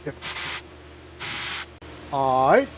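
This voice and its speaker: A man's voice: medium pitch, sing-song, drawn-out words. Offhand man muttering over noisy background hum. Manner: offhand, muttering to himself, swearing. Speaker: DIY vlogger. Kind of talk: casual hands-on work vlog. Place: inside a food truck. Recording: clear vehicle and fan noise.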